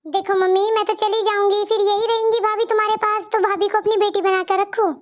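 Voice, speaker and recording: A kind young sister-in-law from a cartoon story, voiced by a woman, who is always trying to make peace. She has a gentle, soothing way of talking. Her voice is very high and squeaky. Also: level tone, fairly quick.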